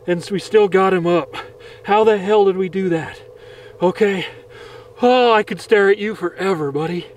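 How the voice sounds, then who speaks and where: A man's voice: high voice, a little mellow, distant mic, slight background noise, low-quality recording. A man hosting an outdoors video, talking on a frozen lake, exclaiming in disbelief and swearing as he lands a fish. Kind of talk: excited outdoor commentary.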